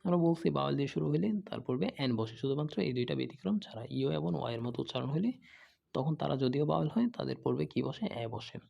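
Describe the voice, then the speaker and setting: Expressive and rapid-fire, with vocal fry and a warm tone, a man's mid-range voice teaches English grammar; the audio has its highs cut off. Patiently, he repeats examples, answers his own questions, and often checks "okay?"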